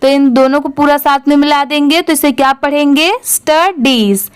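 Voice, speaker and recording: A woman's voice: high voice, flat delivery, a little fast. A woman teaching English reading, spelling words letter by letter, asking questions and answering them herself. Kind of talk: classroom-style phonics lesson.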